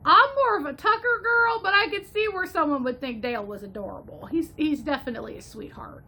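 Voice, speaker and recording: A woman's voice: sits high, animated, brisk, pushed and bright, a little hiss or hum. A woman from Ohio giving a chatty, gushing movie review, slipping now and then into a playful mock Southern drawl. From Northwest Ohio, USA.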